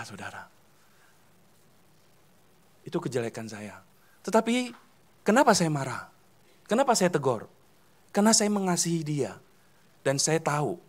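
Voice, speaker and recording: A man, a pastor preaching a sermon in a church hall, asking the congregation questions and answering them himself. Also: fairly high pitch. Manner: swings between loud emphatic calls and soft dropped endings.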